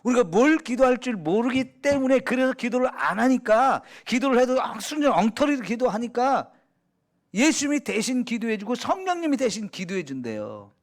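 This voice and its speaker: A middle-aged male pastor from Chungcheong with a Chungcheong accent, preaching a sermon in a conversational way, asking the congregation questions and sometimes dropping to a hush. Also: very high voice, big pitch swings, moderate pace. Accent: Chungcheong Korean. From Chungcheong, Korea. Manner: conversational, asks the congregation questions and answers them; drops to a soft hush when quoting prayers.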